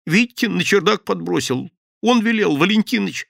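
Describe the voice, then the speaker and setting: A man's voice: high voice, animated, normal speed, gravelly, a bit bright, no echo, studio quality, pitched above the performer's own voice, exaggerated voice. Man putting on a terrified babbling thief. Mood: begging. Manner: frantic, babbling, begging. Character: terrified pleading petty thief, adult man.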